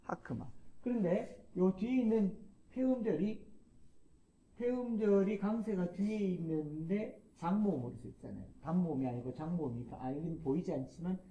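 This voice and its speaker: A man lecturing to a class, explaining step by step, repeating key terms and pausing with fillers. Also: high-pitched, warm tone, dull audio.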